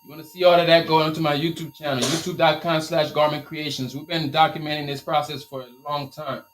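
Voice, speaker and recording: A Liberian man with a Liberian accent runs a casual live stream Q&A about his t-shirt business, repeating his points with energetic, motivational drive. His voice is fairly high and he talks fast, with a little hiss or hum in the audio.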